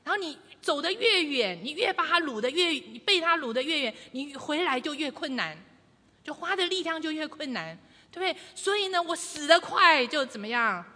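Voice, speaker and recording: A woman giving a lively church teaching, acting out quoted lines with humor. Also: high-pitched, normal speed. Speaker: church speaker. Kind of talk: sermon teaching to a congregation. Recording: long reverb of a large hall.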